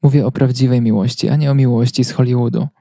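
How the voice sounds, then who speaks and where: A man reading a translated sermon as a voice-over, telling it as a steady story. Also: medium pitch, fast.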